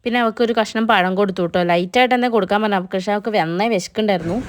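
Fast-talking young woman vlogger. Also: medium pitch, a little hiss or hum. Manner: chatty, addresses viewers directly. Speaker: vlogger narrating. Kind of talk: casual voice-over narration.

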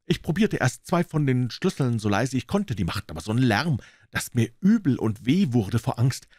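A man voicing an excitable, frightened boy adventurer who tells a scary tale breathlessly. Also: mid-range voice, normal speed, no echo, studio quality, voice pushed up.

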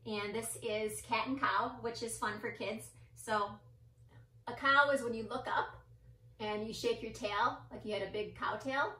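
A woman teaching yoga indoors with a slightly high voice, giving gentle, encouraging cues and counting down each pose. She sounds roomy and set back from the mic, with a faint hum of ambience behind her. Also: a little slow, recorded from a distance. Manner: playful with her child. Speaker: yoga instructor. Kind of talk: guided family yoga class. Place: indoor room with a mirror and mat or carpet.

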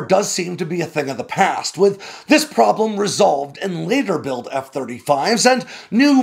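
Lively, gravelly man narrating an explainer. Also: high-pitched. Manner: lively, conversational, emphatic delivery. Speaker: host of a defense news channel.

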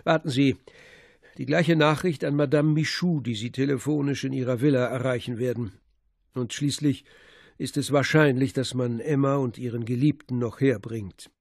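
A man voicing a commanding middle-aged police commissioner in an audiobook, brisk and assured as he gives orders. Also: mid-range voice, fairly even intonation, gravelly, darkish tone, dry recording, studio quality. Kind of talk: audiobook character voice.

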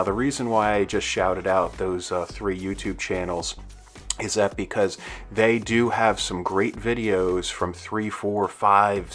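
A deep-voiced middle-aged man narrates as he walks through an empty outdoor parking lot, recording on a handheld camera. He speaks in a loose, rambling, chatty way, dropping shout-outs as he goes. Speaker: dead mall video host. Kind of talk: walking tour commentary. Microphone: handheld camera, filming as he walks.

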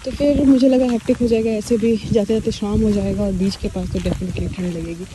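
A woman in her thirties talks through her day in a relaxed travel vlog, explaining plans straight to the viewer. She records outdoors on a phone held at arm's length, with the wind and open-air noise clearly heard behind her voice. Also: mid-range voice, fairly quick. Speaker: vlogger. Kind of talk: casual travel vlog narration. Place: outdoors in a windy town and lakeside. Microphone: phone camera held at arm's length.

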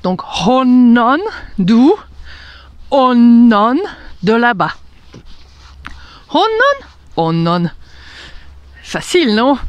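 Woman, Hungarian accent, language teacher, slow careful drills, higher voice. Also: no room sound. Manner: slow, careful pronunciation drills with light laughter. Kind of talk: language lesson.

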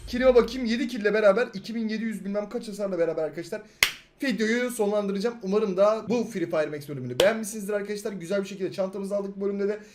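A man in his twenties giving excitable live commentary on his own gameplay, bossing and teasing his teammates and boasting about his wins. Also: sits high, rapid-fire, music in the background. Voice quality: excitable, swings between shouting and muttering. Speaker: gaming video host. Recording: loud game gunfire behind the voice.

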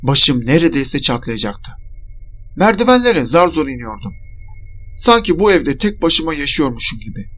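Brief: male storyteller, fairly high voice, dramatic first-person horror narration. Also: very animated, normal speed, fairly bright tone, soft background music.

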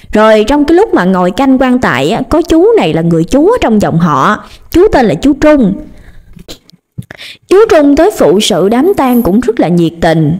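A young woman with a Southern Vietnamese accent, narrating a ghost story with dramatic, lively delivery. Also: a little high.

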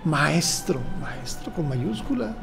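An older man, a bishop with a Mexican Spanish accent, preaches a sermon slowly and deliberately, repeating his phrases. His slightly high, gravelly voice is very animated, and music plays underneath.

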